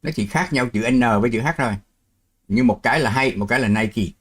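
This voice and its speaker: A man's voice: medium pitch, brisk, fairly bright tone. Chatty middle-aged man. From Vietnam. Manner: chatty, explains with worked examples, laughs easily. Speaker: live-stream host. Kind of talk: casual live-stream chat.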